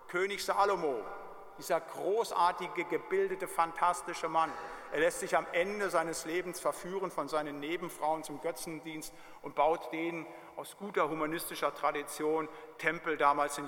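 A man's voice: a little high, sharp tone. A male pastor preaching a sermon emphatically, repeating key words and putting direct questions to the congregation. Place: church. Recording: long church reverb.

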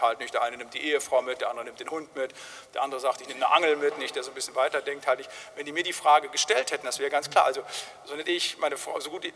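A man's voice: mid-range voice, fairly bright tone. A man preaching a sermon as pastor, in a chatty manner that keeps asking "nicht?" and sometimes acts out a crying baby. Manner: conversational preaching, frequent tag "nicht?". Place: church. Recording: long hall reverb.

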